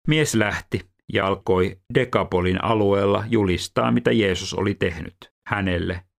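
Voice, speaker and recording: A man reading scripture aloud in a measured, even scripted delivery. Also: lowish voice, creaky. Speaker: scripture reader.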